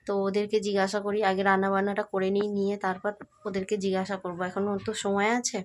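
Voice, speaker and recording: A woman's voice: medium pitch, monotone, quick pace, slight background noise. A young woman with a Bengali accent, vlogging in a casual, chatty way to her viewers on a phone camera. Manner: chatty, addresses viewers as friends. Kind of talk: casual vlog chat.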